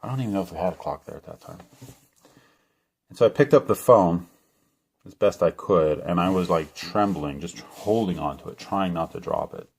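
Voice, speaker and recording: A man's voice: deep voice, normal speed, darkish tone, breathy edge. A middle-aged man telling the story of a dream in a rambling, earnest way, full of restarts and fillers. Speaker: channel host. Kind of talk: personal testimony to camera.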